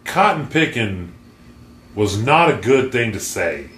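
A man co-hosting a casual podcast, talking in a crude, excitable way with loud exclamations. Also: fairly low pitch, takes it slowly, reverberant. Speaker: podcast co-host. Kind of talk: casual chat.

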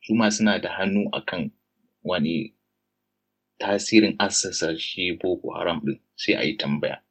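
Low-voiced man with a Hausa accent. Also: normal speed. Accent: Nigerian Hausa. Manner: switches between Hausa and English, explanatory. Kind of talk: casual discussion.

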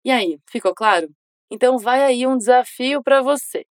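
A woman giving a scripted English lesson, modeling phrases slowly and encouraging the listener to repeat. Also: a little high, no echo. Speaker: English teacher.

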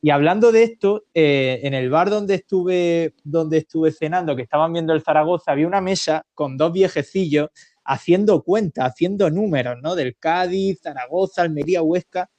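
A man co-hosting a casual football chat, telling relaxed anecdotes and acting out the people he quotes. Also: fairly high pitch, moderate pace, no echo. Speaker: podcast co-host.

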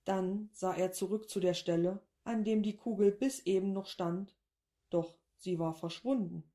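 A woman narrating a short story in a calm, even read-aloud manner. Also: medium pitch, unhurried.

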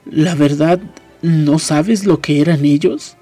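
A man voicing a gruff, furious giant of a man who roars his indignation, read aloud in a storybook reading. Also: fairly high pitch, slow pace, mellow, faint music behind. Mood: indignant. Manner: roaring, indignant.

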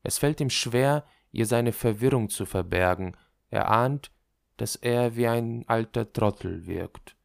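A man narrating an audiobook in a measured, literary reading. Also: mid-range voice, vocal fry, no room sound, studio quality.

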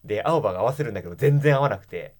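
A young man co-hosting a podcast, telling a rambling story in a lively, up-and-down voice. He laughs now and then and acts out the lines he quotes. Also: lowish voice, racing. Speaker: podcast co-host. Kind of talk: casual free talk storytelling.

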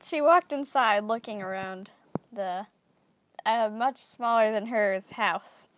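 A woman's voice: medium pitch, slow pace, fairly bright tone, a little hiss or hum. A woman narrating an improvised story in a hesitant way.

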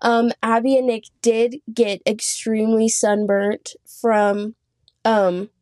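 A woman's voice: fairly high pitch, level tone, takes it slowly, darkish tone, no room sound, clean studio sound. A young woman co-hosting a podcast in casual chat, talkative and laughing often, with lots of "like". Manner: chatty, laughs often, says "like" a lot. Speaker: podcast co-host.

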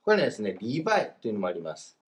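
A man teaching Chinese grammar in a casual, explanatory lesson, slowing down for the example phrases. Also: fairly low pitch, huge pitch swings. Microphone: voice message recording.

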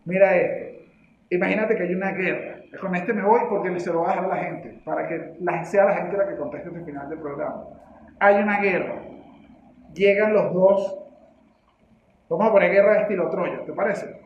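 A high-pitched man with a Venezuelan accent chats and tells stories with lots of animation and laughter. His voice echoes around the room, and the audio sounds dull and muffled. He sounds like a podcast co-host. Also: normal speed, slight background noise. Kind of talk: casual chat. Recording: roomy, dull faulty audio.

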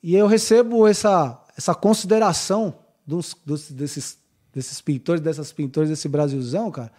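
A man's voice: fairly high pitch, moderate pace, dark tone. A man speaking as a podcast guest in casual, effusive, colloquial talk peppered with slang and mild swearing. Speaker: podcast guest, works with house painters. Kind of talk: casual chat.

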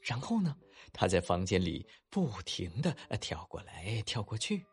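A man narrating a children's story and talking to young listeners afterward, with animated asides. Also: fairly low pitch, normal speed, slightly rough. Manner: animated, warm-toned coaxing asides to kids.

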